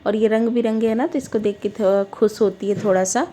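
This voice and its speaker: Mellow-voiced woman narrating home cooking. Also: mid-range voice, fairly even intonation, brisk, slight background noise. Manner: chatty, explanatory, with fillers and self-corrections. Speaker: home vlogger and mother.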